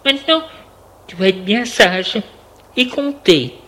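A man's voice: sits high, animated, slow pace, bright, forceful tone, pitched above the performer's own voice, full character voice. A man reading a story aloud and voicing a stern, scolding grandmother in a raised voice. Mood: coaxing stern. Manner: scolding, reproachful.

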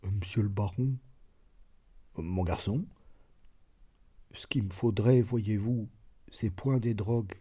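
A man's voice: lowish voice, expressive, measured pace, dark tone. A man voicing a timid, humble old male farm servant who speaks hesitantly in rustic country speech.

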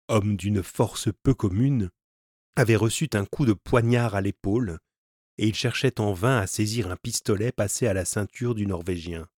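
A man reading a classic adventure novel aloud as an audiobook narrator, in a measured, dramatic way. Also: on the low side, mellow, dry recording, studio quality.

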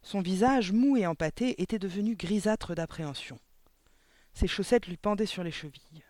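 A man narrating a children's novel chapter aloud, lively and expressive, adding small asides to explain words. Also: high-pitched, moderate pace, no room sound. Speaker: audiobook reader. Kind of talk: storybook reading aloud.

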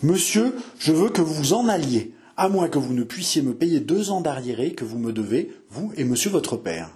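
A fat, flustered innkeeper, played by a man reading aloud protests in a high, stammering voice. His pitch leaps up as he complains and pleads. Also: very animated, moderate pace, darkish tone. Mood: firm. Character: fat fussy middle-aged innkeeper, easily flustered.

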